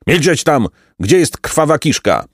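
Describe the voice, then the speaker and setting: A man's voice: fairly high pitch, very animated, measured pace, no echo, clean studio sound, voice pushed up, heavily acted. A man voicing a stern, impatient robber captain who barks orders at his gang. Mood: scolding. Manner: shouting roll-call orders.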